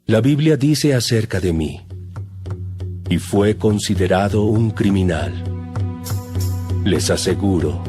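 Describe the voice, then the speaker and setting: Jesus, a solemn low-voiced teacher. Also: male voice, animated, mellow. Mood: firm, serious. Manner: solemn, measured, earnest. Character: Jesus, calm solemn teacher addressing his disciples. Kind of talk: dramatized audio Bible acting. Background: music.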